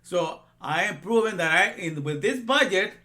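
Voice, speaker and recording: This Guatemalan religious teacher, a man in his sixties, has a high, sharp voice with lively intonation and speaks at normal speed. His informal lesson wanders through many asides, and he keeps repeating himself and dropping in "you know."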